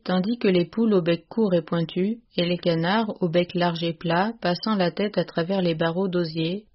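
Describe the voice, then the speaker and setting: A woman narrating a classic story in a measured, expressive audiobook reading. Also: lowish voice, muffled recording.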